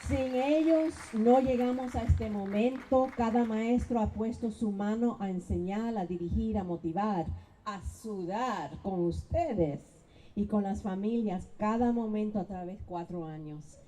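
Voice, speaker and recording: A woman's voice: mid-range voice, moderate pace, warm tone, a faint crowd, poor audio. A woman school principal giving a heartfelt, emotional graduation speech into a podium microphone. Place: graduation ceremony.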